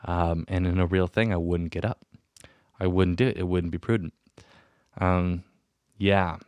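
Low-voiced rambling podcast man. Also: steady tone, unhurried, a little mellow, clear, resonant tone, no echo. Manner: self-deprecating, rambling, restless. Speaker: podcast host. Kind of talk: rambling solo podcast chat. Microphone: studio mic with headphones.

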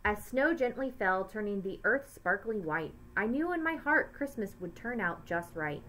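Bright, expressive woman reading aloud. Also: medium pitch, moderate pace, a little hiss or hum, rough recording. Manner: lively, expressive storytelling. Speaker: teacher. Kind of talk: reading a picture book aloud to children.

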